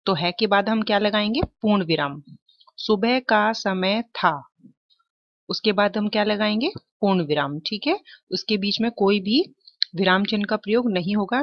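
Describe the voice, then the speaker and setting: A woman's voice: medium pitch, dry recording, highs cut off. A woman teaching an exam-prep lesson, explaining step by step and answering her own questions.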